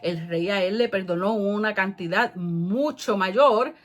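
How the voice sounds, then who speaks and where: A woman's voice: medium pitch, a little slow, faint music behind. Spanish-speaking woman teaching the Bible. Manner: reads scripture aloud and explains it, rising and louder at key verses.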